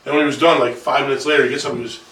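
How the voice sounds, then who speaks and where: Man, podcast host, rapid talker, forceful bright tone, roomy sound, a bit off-mic. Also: medium pitch, distant mic. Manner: quick, energetic storyteller. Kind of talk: casual interview chat.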